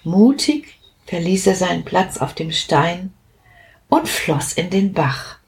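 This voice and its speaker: A woman reading a children's story aloud, expressive and unhurried. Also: lowish voice, creaky, a little hiss or hum.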